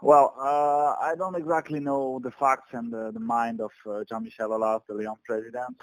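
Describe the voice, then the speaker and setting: A man from France, a sports journalist talking over a phone line in halting speech with many fillers. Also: medium pitch, expressive, dry recording. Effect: heard over a phone line. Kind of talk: phone interview. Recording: dry phone call with dodgy audio.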